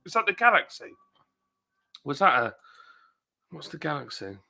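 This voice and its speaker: A man's voice: on the high side, sing-song, moderate pace, gravelly, sharp tone, faint music behind. A man hosting a casual late-night live stream, chatting away in a rambling manner and reading viewer comments aloud.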